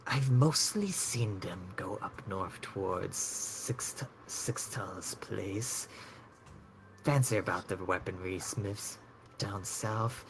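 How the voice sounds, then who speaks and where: A man's voice: lowish voice, vocal fry, heavily acted. A man voicing a polite, fussy robot shopkeeper who talks in a prim, formal and slightly anxious way.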